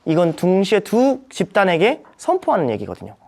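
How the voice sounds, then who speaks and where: A young man teaching a Bible study for church teachers, animated, acting out quoted voices with big jumps in pitch. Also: a little fast, gravelly. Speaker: youth ministry preacher teaching teachers.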